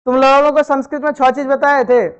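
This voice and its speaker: A woman teaching Sanskrit grammar in a classroom, firing repeated questions at her pupils and gently scolding them. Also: sits high, level tone, brisk. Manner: drills students with repeated questions and answers; chiding, familiar address to pupils. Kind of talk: live classroom teaching in Hindi. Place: classroom with students.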